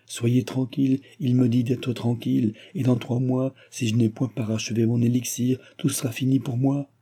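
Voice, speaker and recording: A man voicing a frail, feverish old alchemist who pleads and cries out in high, agitated bursts. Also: level tone, moderate pace, mellow, breathy edge. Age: older.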